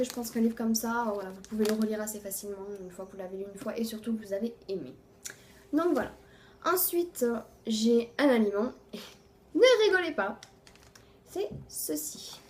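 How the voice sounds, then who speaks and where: Casual beauty vlogger, a woman with a slightly raised voice, chatty, lets her phrases fade out quietly. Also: on the high side, a little hiss or hum. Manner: chatty, fills pauses with "voilà"; voice often trails off softly at phrase ends. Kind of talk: casual monthly favorites review.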